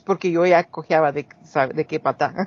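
A man's voice: a little high, moderate pace. Man, forties, Guatemalan accent, rambling casual storyteller, dull lo-fi sound. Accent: Guatemalan Spanish. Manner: rambling, with many restarts and acted-out quotes. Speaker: guest. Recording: dull lo-fi recording.

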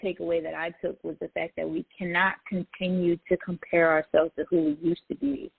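Husky woman over a tinny line. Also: fairly low pitch, fairly even intonation, a little fast, dry recording. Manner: reflective, many "like" fillers. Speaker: poet and public speaker. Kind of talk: casual conversation.

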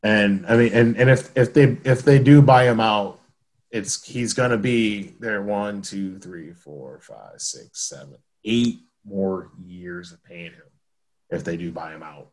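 A man's voice: lowish voice, measured pace, darkish tone. A man co-hosting a sports podcast in casual chat, rambling with frequent restarts and laughs. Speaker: podcast co-host.

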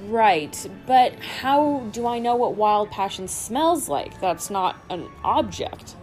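A woman's voice: mid-range voice, animated, slow pace, a little mellow, soft background music, rough recording. A woman playing a confused shopper asking questions in a comedy sketch. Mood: puzzled. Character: puzzled young woman shopper.

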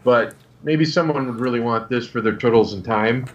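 Guy showing off collectibles, unscripted and rambly, mid pitch, bit dull lo-fi sound. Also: normal speed, slight background noise. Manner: rambling, hesitant show-and-tell. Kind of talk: natural unscripted talk.

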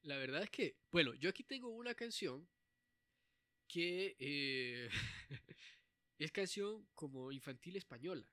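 A young man co-hosting a casual chat, animated and quick to laugh, often acting out the lines he talks about. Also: on the high side, dry recording. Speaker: podcast co-host.

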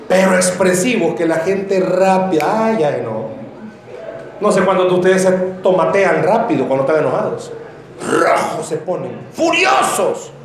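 A man preaching a sermon in a church, animated and joking, acting out comic voices of his congregation. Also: high voice, a little hiss or hum. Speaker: pastor. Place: church sanctuary. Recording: very echoey church hall.

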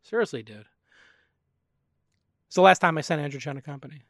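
Gravelly, rambling podcast host man. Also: fairly high pitch, a little fast, no room sound, studio quality. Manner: rambling, animated, swears casually. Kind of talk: casual conversational interview.

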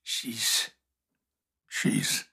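A woman playing a bitter, haunted Scrooge in a radio drama, speaking in a halting, defensive, emotional way. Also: pushed and bright. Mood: grieving. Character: bitter, anguished Scrooge haunted by memories of the past.

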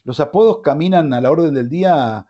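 On a sports radio show, a man with an Argentine Spanish accent hosts in a rambling way, full of fillers and restarts. His voice is a little high, brisk and mellow. The casual talk comes from a radio studio, captured with lo-fi sound.

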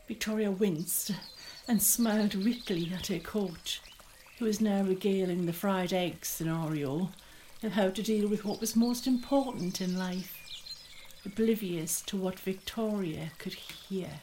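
Woman narrator, storytelling, measured expressive reading, mid pitch. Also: a little hiss or hum. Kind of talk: scripted storytelling.

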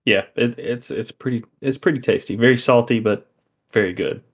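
A man co-hosting a casual podcast, talking in an easygoing, agreeable way with quick asides. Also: mid-range voice. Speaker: podcast co-host. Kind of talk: casual chat.

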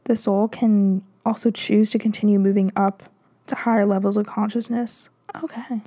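A woman's voice: medium pitch, little pitch movement, moderate pace, warm tone. A young woman hosting a solo podcast, chatting casually with lots of "like" and giggles, her voice slightly nasal. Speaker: podcast host.

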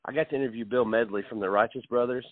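A man interviewing a comedian, eager and friendly, with frequent laughs and halting restarts. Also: mid-range voice, steady tone, no echo. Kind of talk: casual interview chat. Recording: tinny phone-line sound, dry.

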